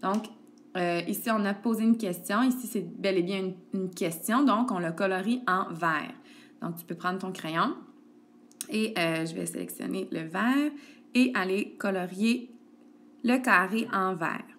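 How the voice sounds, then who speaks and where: A woman teacher walks a child through a grammar lesson. She is patient and steady, full of little "ok"s and "donc"s. It is recorded on a tablet screencast. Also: mid-range voice, measured pace, slight background noise. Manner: patient, addresses the child directly with frequent "ok" and "donc". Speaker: elementary school teacher.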